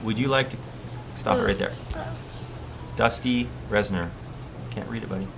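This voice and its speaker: Reading viewers' questions aloud during a casual live-stream Q&A, this Hawaiian surf coach keeps a relaxed, chatty tone. His lowish voice is gravelly and moves at a moderate pace over a noisy background.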